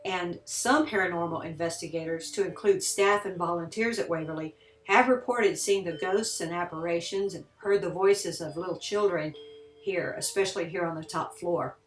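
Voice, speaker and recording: A woman's voice: on the low side, normal speed, far from the mic, faint music behind. Kentucky woman guiding a tour in an echoing hall. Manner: conversational, explanatory. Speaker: tour guide. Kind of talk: on-site tour narration. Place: large empty historic building, indoors.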